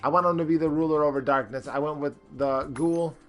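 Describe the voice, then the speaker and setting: A man's voice: fairly high pitch, fairly even intonation, fairly quick, over music. Rambling male game streamer. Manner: rambling, many fillers, greets chat viewers. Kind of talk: casual live-stream commentary.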